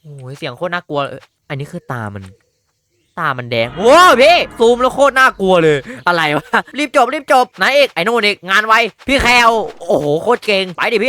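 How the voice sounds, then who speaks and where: A man streaming a horror hunting game, reacting with excitable, jokey exclamations and running commentary. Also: high voice. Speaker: gaming streamer.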